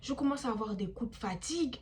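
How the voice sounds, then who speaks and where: A young woman tells a story from her own life as a casual storytime. Her voice sits somewhat high. She is animated and acts out each quote, mixing in bits of English slang. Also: quick pace. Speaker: vlogger.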